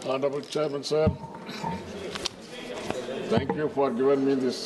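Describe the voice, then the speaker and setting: Measured man addressing the chair, mid-pitched, far from mic, chamber noise behind. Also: level tone. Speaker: member of parliament. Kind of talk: formal parliamentary speech. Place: parliament chamber.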